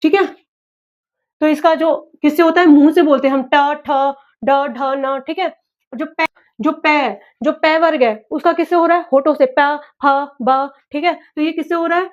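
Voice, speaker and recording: A woman's voice: high voice, steady tone, normal speed, muffled recording. A woman teaching an exam-prep class, asking a question, answering it herself and repeating it back. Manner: repetitive, drilling, asks and answers own questions.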